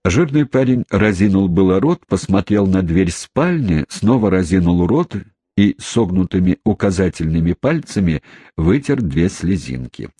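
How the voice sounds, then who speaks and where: A man reading a storybook aloud in an expressive, dramatic narration. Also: low-pitched, measured pace, husky, no echo, studio quality. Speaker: audiobook reader. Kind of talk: scripted narration.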